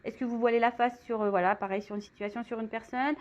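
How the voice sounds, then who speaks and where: A woman's voice: fairly high pitch, fairly even intonation, fast, muffled recording. A woman doing a casual tarot and crystal reading, chatty and full of asides to her viewers. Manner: chatty, many fillers, warm asides to viewers. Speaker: tarot reader. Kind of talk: casual spoken card reading.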